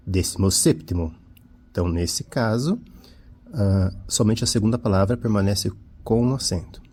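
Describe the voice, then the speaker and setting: A man teaching a Spanish lesson, a Portuguese speaker who mixes both languages and slowly repeats each example word. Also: fairly low pitch, mellow, breathy edge. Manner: slow, deliberate, repeats example words; switches between Portuguese and Spanish. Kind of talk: classroom-style lesson.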